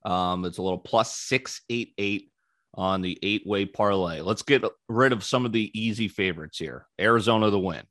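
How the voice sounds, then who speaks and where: Casting note: man hosting a betting show, low voice, dry close sound, chatty and opinionated. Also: normal speed, fairly bright tone, dry recording. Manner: breezy, opinionated, frequent ums. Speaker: sports betting podcast host. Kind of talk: casual sports betting talk.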